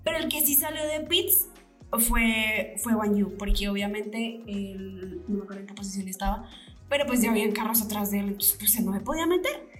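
A woman's voice: medium pitch, a little fast, reverberant, soft background music. A woman co-hosting a podcast, chatting casually about a race and acting out her own reactions with gasps and whispers. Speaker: podcast co-host. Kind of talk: casual chat recapping a race.

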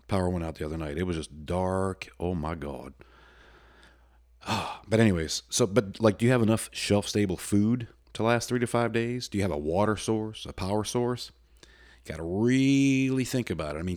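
A middle-aged man from the United States, with a loud and very low voice, hosts his own podcast solo. His casual talk is folksy and plainspoken, and he rambles, frequently stopping and restarting his sentences.

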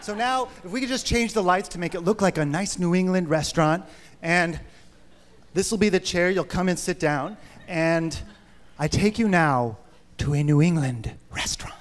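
A man's voice: sits high, normal speed, a little hiss or hum. A man performing live sketch comedy in an eager, insistent way. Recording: live stage show with crowd and hall echo.

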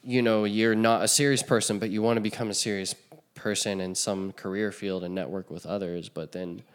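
A man with a fairly low voice chats on a podcast. He rambles, circles back and restarts sentences, filling gaps with "like" and "you know." His talk is loose and unscripted. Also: steady tone, fairly quick. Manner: rambling, lots of fillers and restarts. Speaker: podcast co-host. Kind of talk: casual chat.

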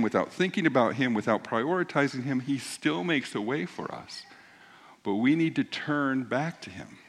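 Male pastor preaching in church, mid-pitched, conversational teacher who pushes key points with emphasis. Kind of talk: sermon.

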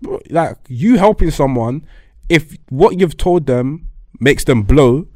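A man's voice: fairly high pitch, lively intonation, slow, a little mellow, no echo. A young man with a London roadman accent and slangy turns of phrase, giving his opinions in a casual group discussion. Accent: London, urban roadman slang.

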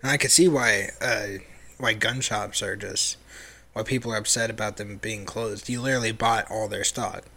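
A young man co-hosting a family podcast in casual chat, relaxed and halting, with lots of fillers and restarts. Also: fairly low pitch. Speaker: podcast co-host.

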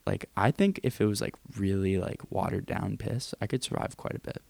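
Young male podcast co-host, gravelly and low, dry home-mic sound, loose and profane. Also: darkish tone, no room sound. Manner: casual, profane, fast banter. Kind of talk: casual chat. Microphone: home computer mic with headphones.

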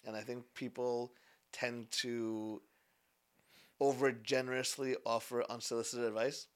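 A man's voice: medium pitch, little pitch movement, measured pace, clean tone. A man in his twenties, a podcast guest in casual chat, talking animatedly, repeating himself and acting out what people say. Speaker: podcast guest, business founder.

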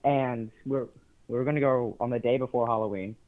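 A man's voice: medium pitch, steady tone, a little fast. A young man calling in to tell a dating story, hesitant and full of ums and nervous laughs. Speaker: caller. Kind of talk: telling a story on a call. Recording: tinny phone line.

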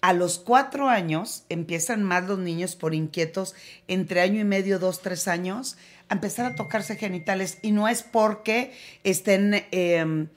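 A woman's voice: mid-range voice, unhurried. A woman with a Mexican accent, a guest sex educator speaking frankly and with animation in casual podcast chat. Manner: frank, animated, laughs often.

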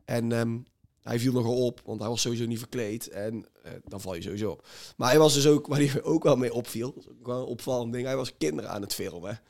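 A man's voice: medium pitch, fast talker, gravelly, few pauses, darkish tone. A man co-hosting a casual podcast, making dry, joking asides. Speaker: podcast co-host.

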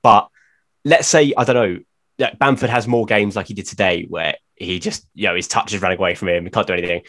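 A man's voice: low voice, fairly even intonation, fast talker, a bit bright. A man co-hosting a football podcast, talking bluntly and laughing often in casual chat. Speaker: podcast co-host.

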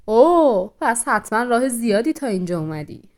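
A woman voicing a large scarred male hunting dog who taunts in a loud, drawn-out voice. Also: a little high, sing-song, voice pushed up. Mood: mocking.

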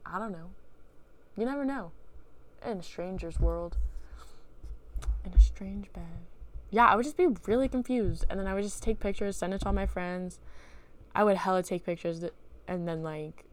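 A young woman talks into her home computer mic on a solo podcast, rambling through stories with lots of swearing. Her voice is clean and smooth, at an average pitch for a woman. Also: normal speed, long pauses. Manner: loose, profane storytelling with laughs. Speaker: podcast host. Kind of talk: casual solo podcast chat.

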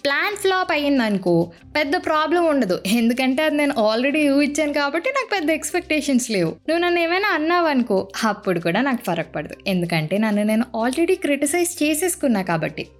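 A woman's voice: sits high, sing-song, fast, soft background music. A young woman hosting a podcast, talking straight to the listener in a playful, self-mocking monologue and acting out her anxious inner thoughts, with English phrases mixed in. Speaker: podcast host.

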